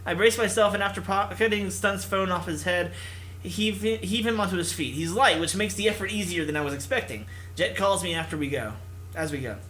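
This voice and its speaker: A man with a high-pitched, fairly quick, slightly bright voice reads visual novel text aloud and adds casual commentary, with a little background noise. As host of the playthrough, he's theatrical and jokey, putting on voices for the characters.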